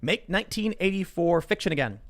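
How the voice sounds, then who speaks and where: A man hosting a live talk show, briskly reading viewer messages aloud and responding. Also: high-pitched, animated. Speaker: host.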